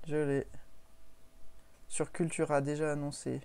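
Low-voiced playful woman chatting on stream. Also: little pitch movement, a little slow, a little mellow, clean tone. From Paris. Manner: playful, laughs often, jokes about her own bad accents. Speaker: streamer co-host reviewing manga. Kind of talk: casual chat. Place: live stream.

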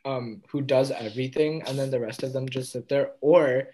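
A teenage boy co-hosting a podcast in casual chat, talkative and often trailing off quietly at the ends of his thoughts. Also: mid-range voice, steady tone, normal speed, a little hiss or hum, rough recording. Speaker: podcast co-host.

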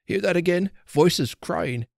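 A man's voice: high-pitched, animated, takes it slowly, vocal fry, dry recording, studio quality, pitched above the performer's own voice, heavily acted. A man voicing a sorrowful, frail old Father Christmas who talks in a trembling, mournful and pleading way. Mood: frightened.

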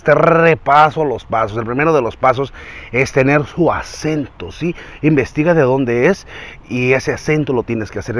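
A man hosting a casual tutorial on doing voice impressions, talking quickly and checking in with the viewer often. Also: medium pitch. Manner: quick, chatty delivery with frequent check-ins to the viewer. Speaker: voice impression youtuber.

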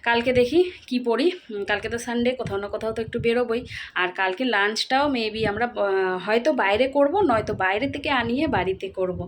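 A woman records a casual home vlog on her phone. She talks fast and chattily, full of fillers, in a slightly high voice. A faint hum of household ambience sits behind her. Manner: rapid chatty talk with fillers. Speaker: vlogger. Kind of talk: casual vlog chat to viewers.

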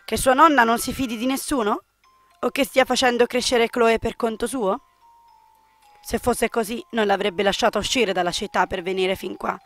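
A woman's voice: fairly high pitch, steady tone, normal speed, a bit bright, soft background music. A woman hosting a gameplay channel, making amused, chatty asides while she plays. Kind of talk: casual gameplay commentary.

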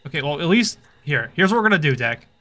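A man's voice: fairly high pitch, very animated, quick pace. A young man chatting while playing a horror game with a friend, teasing him and yelping when startled. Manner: jumpy, yelps and shouts when startled, teasing. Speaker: gaming co-player. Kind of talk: casual gaming chat. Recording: music over the voice.

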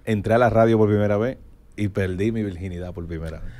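A man's voice: fairly low pitch, quick pace. A man in his late thirties, a radio host from the Dominican Republic, telling stories in casual studio banter. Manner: relaxed storytelling, laughs often.

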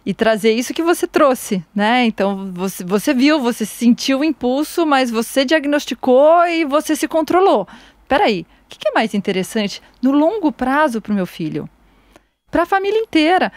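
A woman's voice: sits high, lively intonation, moderate pace, dry recording. A woman hosting a podcast, explaining ideas in a reflective, casual way. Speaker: podcast host.

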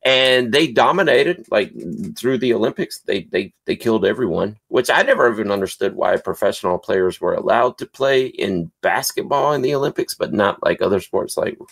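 Chatty podcast guy w a low gravelly voice, laughs a lot. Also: lively intonation, normal speed, few pauses, fairly bright tone. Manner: chatty storyteller, laughs easily. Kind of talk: casual chat.

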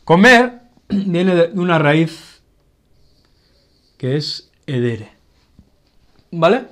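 A man with a Spanish accent explains verb endings in a relaxed, conversational way. His voice sits a little high, and he keeps checking in with his listeners as he goes. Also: drawn-out words. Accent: Spanish from Spain. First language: Catalan. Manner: explanatory, checks in with frequent "vale". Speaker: Spanish teacher. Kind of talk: casual grammar lesson.

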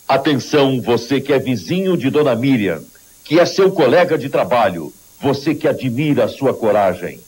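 A male announcer delivers dramatic voice-over with a very lively, swooping pitch and a grave, urgent edge. A faint hum sits under the old broadcast tape. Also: normal speed, rough recording. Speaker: campaign ad announcer.

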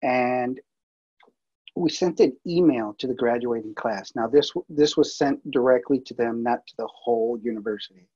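A man's voice: mid-range voice, normal speed, mellow, husky, highs cut off. A man presenting a workflow over slides in a webinar, talking casually with many fillers and restarts. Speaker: multimedia producer presenting.

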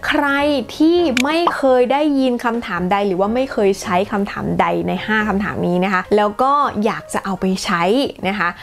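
A woman hosting a casual English lesson, chatting in a lively way and mixing English phrases into her explanations. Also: mid-range voice, normal speed, hardly any pauses. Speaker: English teacher and channel host.

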